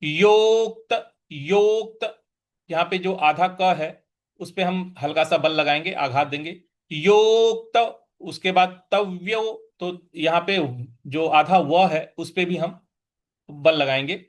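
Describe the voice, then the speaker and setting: A man teaching a scripture verse, patiently breaking down its pronunciation syllable by syllable and chanting the lines slowly. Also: on the high side, steady tone. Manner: chants verses in a drawn-out, sung tone. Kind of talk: slow recitation lesson.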